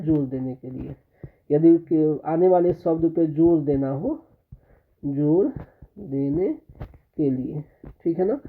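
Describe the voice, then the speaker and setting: A man teaching English grammar, drilling pronunciation by repeating example words slowly and checking understanding again and again. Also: a little high, lo-fi sound, a little hiss or hum. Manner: keeps checking understanding with repeated "theek hai" and "spasht ho gaya". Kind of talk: explaining a grammar lesson.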